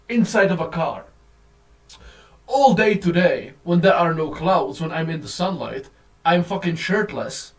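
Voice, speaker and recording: A man's fairly high voice rants on in a casual, profane, rambling way. It sounds like a low-quality phone recording, with the speaker set some way off from the mic. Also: far from the mic. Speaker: vlogger. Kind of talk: casual rant to camera.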